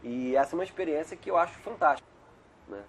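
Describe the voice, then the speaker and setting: A man's voice: a little high, quick pace, slight background noise. A middle-aged male doctor talking as an interview guest in a casual, digressive way, often tagging "né?". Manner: chatty, digressive, frequent "né?" tags. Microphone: video call.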